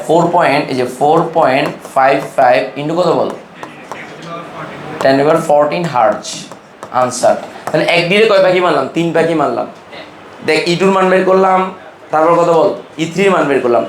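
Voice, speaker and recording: A man from Bangladesh, his voice on the high side, teaches chemistry and quizzes his students nonstop with quick questions in a brotherly, informal manner. The classroom lecture echoes in the room, with a little hiss or hum present.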